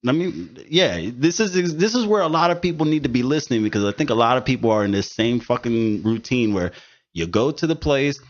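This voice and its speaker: A man's voice: mid-range voice, lively intonation, a little fast. A man in his thirties hosting a podcast, telling stories in casual, profane, emphatic chat. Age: 30s. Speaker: podcast host. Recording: dull lo-fi studio recording.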